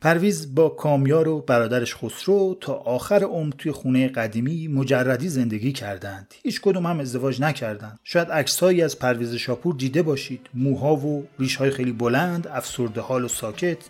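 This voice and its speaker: A man's voice: mid-range voice, animated, few pauses, darkish tone. A man hosting a podcast, narrating a life story in a casual, conversational storytelling way.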